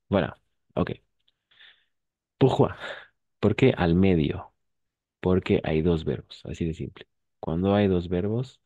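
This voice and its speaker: Deep-voiced man teaching French in Spanish. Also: warm tone, dry recording, lo-fi sound. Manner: patient, switches between Spanish and French, drills pronunciation. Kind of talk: online class, explaining in Spanish and French.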